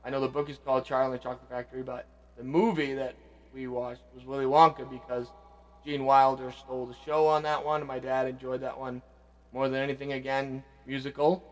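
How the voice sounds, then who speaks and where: A man hosting a vlog, reminiscing casually and reflectively, often trailing off quietly. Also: medium pitch, level tone, a little fast, long reverb tail. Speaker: vlog host paying tribute to his father. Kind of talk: casual spoken reminiscing between songs.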